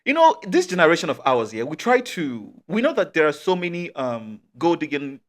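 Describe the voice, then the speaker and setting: A man's voice: on the high side, wildly swooping pitch, a little fast. A man with a Nigerian accent hosting a casual chat, emphatic and often laughing as he makes his points. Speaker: podcast host.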